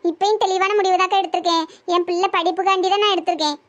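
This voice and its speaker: A woman's voice: very high-pitched, fairly even intonation, very fast, fairly bright tone, lo-fi sound. A woman voicing a determined village mother who explains herself insistently, with a Tirunelveli Tamil accent, in a cartoon. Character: determined village mother marrying off her daughter.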